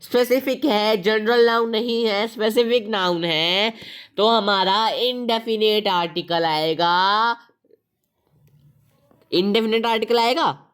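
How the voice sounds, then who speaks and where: A woman teaching a grammar lesson online, patiently asking questions and answering them herself, and reading the example sentences very slowly. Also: mid-range voice, smooth. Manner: patient, asks and answers her own questions.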